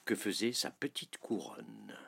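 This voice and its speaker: A man reading a storybook aloud in a soft voice that sometimes drops to a whisper. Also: low-pitched, very animated, measured pace, creaky, noisy background. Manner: soft, dropping to a whisper on some phrases.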